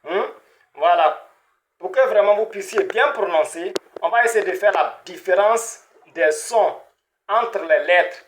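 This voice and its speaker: A man's voice: high-pitched, unhurried, a bit bright. A man teaching beginner Arabic pronunciation, repeating each sound over and over and checking in with "hein?" and "voilà". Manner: repetitive, drills sounds with frequent "hein?" and "voilà".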